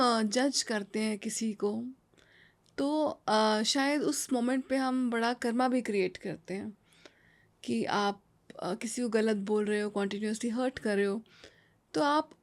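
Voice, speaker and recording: धीमी, सोच-सोचकर बोलती महिला host. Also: female voice, fairly high pitch. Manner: slow, thoughtful, hesitant with fillers. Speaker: interviewer host. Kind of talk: interview questions.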